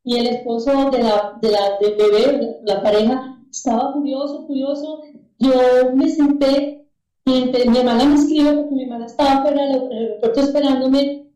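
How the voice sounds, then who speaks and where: A Colombian woman with a Colombian Spanish accent tells a personal faith story in a casual, rambling way, full of restarts and prayerful asides. Her voice sits high but sounds mellow and dark in tone. She is heard from some distance in an echoey room. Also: steady tone, moderate pace. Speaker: speaker sharing a personal faith testimony. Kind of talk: casual testimony.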